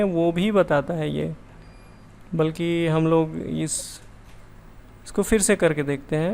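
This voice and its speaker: A man's voice: on the high side, clean tone. A man teaching computer skills in a casual screen-share tutorial, chatty and thinking aloud as he corrects himself.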